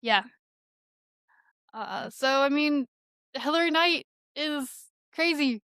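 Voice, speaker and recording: A woman with a fairly high voice chatting casually as a podcast co-host. She talks easily and fills her pauses with ums and uhs. The recording is dry and close. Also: fairly bright tone, dry recording. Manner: chatty, with filler-heavy phrasing.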